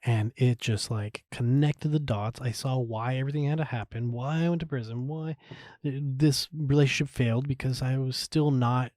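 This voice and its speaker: A man guest on a podcast, candidly telling his story with animated quoted asides, fillers and restarts, laughing as he goes. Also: mid-range voice, no echo, studio quality.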